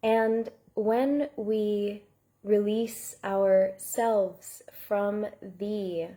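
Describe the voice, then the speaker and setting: A woman coach leads a live online masterclass in an earnest, heartfelt way, greeting viewers by name as they comment. Her voice is mellow and warm, pitched at an ordinary middle height. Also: fairly even intonation, very slow.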